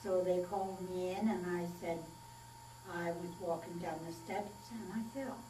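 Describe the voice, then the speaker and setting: A woman in her nineties, recalling her childhood in a slow, plainspoken oral history interview. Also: fairly low pitch, steady tone. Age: 90s. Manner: unhurried, plainspoken storytelling with pauses and fillers. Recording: echoey room, distant mic, faint mains hum.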